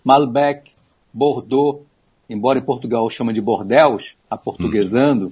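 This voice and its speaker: Husky-voiced man explaining wine terms. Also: mid-range voice, moderate pace, warm tone. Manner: easygoing and teaching, with small asides and laughs. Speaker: wine commentator on radio. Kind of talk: explanatory radio chat.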